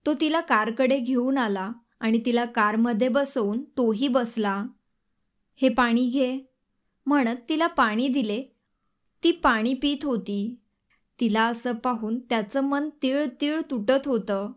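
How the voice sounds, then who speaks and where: A woman narrating a romance audiobook in a calm, measured storytelling manner. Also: a little high.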